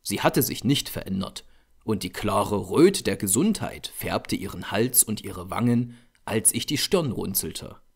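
Man, horror audiobook narrator, gravelly, lively pitch, measured. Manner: measured, expressive storytelling.

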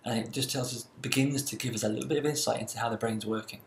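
A man giving a recorded university lecture, explaining in a measured way with occasional fillers. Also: medium pitch, fairly even intonation, roomy sound, slight background noise.

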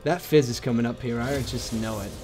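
A young man casually commentating his own game, excitable and whooping at big plays, chatting to his viewers as boys and dudes. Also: medium pitch, brisk, over loud music. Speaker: gameplay commentator.

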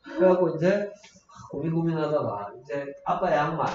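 A man's voice: fairly high pitch, expressive, moderate pace, darkish tone, slight background noise. Male teacher, raised voice, spinning a funny story for his class, picked up from far off in a dull, echoey room. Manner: playful storytelling, keeps checking in with students. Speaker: English teacher. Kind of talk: classroom lecture with a joking story.

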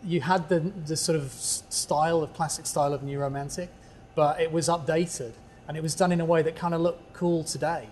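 A man's voice: fairly high pitch, fairly even intonation, a little fast, a little mellow, a little hiss or hum. A man interviewing a musician guest in a casual chat, admiring and conversational. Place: lounge venue.

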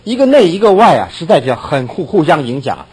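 An older pastor delivers a sermon, his husky voice sitting a little high for a man. He tells his story in a lively way, laughing and acting out the dialogue. His pitch swings widely as he goes. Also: a little fast, rough recording.

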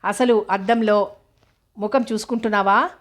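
A woman's voice: medium pitch, steady tone, normal speed, natural voice. A woman narrator voicing a fussy, fretting uncle. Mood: concerned.

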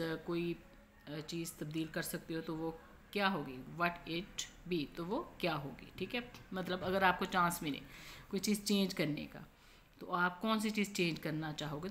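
A woman teacher going through a textbook lesson, repeating each point patiently and reading the English examples slowly. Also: on the low side, fairly bright tone, slight background noise.

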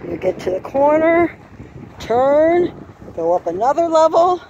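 Holding her phone, a course designer walks an outdoor horse course and explains each obstacle unhurriedly, sometimes correcting herself in this instructional walk-through. Her voice sits high and sing-song with a darkish tone, and the recording is muffled. Faint outdoor noise is audible, and she sometimes drifts far from the mic.

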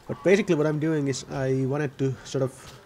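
A man's voice: on the high side, fairly even intonation, fairly quick, a little mellow, a little hiss or hum. A man giving casual, rambling gameplay commentary, often correcting himself mid-sentence. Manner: rambling, self-correcting, offhand. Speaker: gaming video host.

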